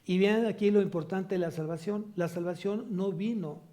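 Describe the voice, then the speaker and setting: Here a man speaks at a normal pace in a high, dark-toned voice. He is a pastor with a Mexican Spanish accent, preaching, putting rhetorical questions to his flock and climbing to forceful high points.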